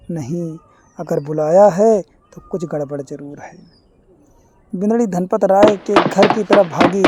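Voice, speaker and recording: A storyteller reading a story aloud in a measured, formal way, with reflective asides. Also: mid-range voice, warm tone, no room sound. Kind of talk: scripted story narration.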